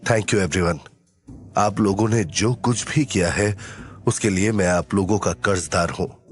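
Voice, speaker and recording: Man doing a low-voiced young hero, grave, measured, slow, audio story. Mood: grateful. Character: brooding young male hero, troubled and angry.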